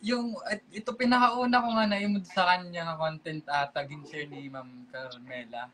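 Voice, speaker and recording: High-voiced Waray man vlogger. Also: fairly even intonation, moderate pace, a bit bright, a little hiss or hum. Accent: Northern Samar Waray. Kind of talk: casual live-stream chat.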